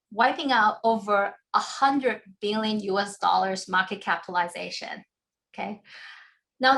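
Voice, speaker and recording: A woman law professor giving a book talk with slides, explaining in a measured way and often checking in with "right?". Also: medium pitch, a bit bright. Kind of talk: academic lecture with slides.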